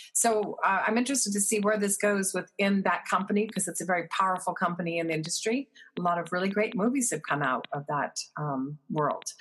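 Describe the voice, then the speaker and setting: A woman's voice: medium pitch, husky, poor audio. Effusive woman hosting a talk radio show. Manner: effusive, warm enthusiasm with filler words.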